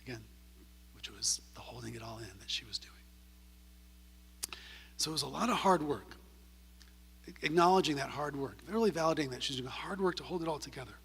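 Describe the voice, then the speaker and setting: A man's voice: mid-range voice, lively intonation, a little fast, gravelly, long pauses, fairly bright tone, slight background noise. A man giving a conversational talk as a counselor, telling a story and tagging his points with "right?". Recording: long reverb of a church hall.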